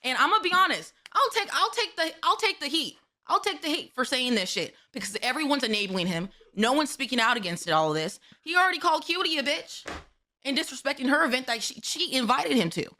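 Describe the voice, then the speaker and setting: A woman's voice: sits high, expressive, fairly quick, bright, forceful tone. A woman streamer speaking in a clip, venting in an exasperated rant full of rhetorical questions. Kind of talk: frustrated call-out rant.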